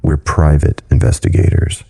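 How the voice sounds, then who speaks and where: A man's voice: moderate pace, mellow, close to an everyday voice. A man voicing a steely female private investigator who speaks firmly and sternly. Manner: stern, assertive.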